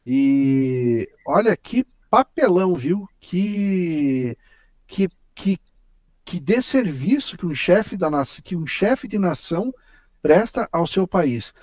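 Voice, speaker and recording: A man's voice: sits high, sing-song, takes it slowly, darkish tone, no echo. A man with a Brazilian accent, a podcast co-host who rants theatrically and indignantly, stumbling over restarts. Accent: Brazilian Portuguese. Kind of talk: casual comedic chat.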